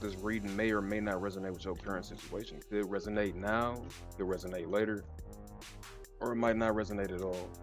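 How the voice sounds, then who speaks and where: A man giving a casual, slangy tarot card reading, his speech slightly slurred and lisping from wearing a retainer. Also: fairly low pitch. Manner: informal, slangy, laid-back. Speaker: tarot reader.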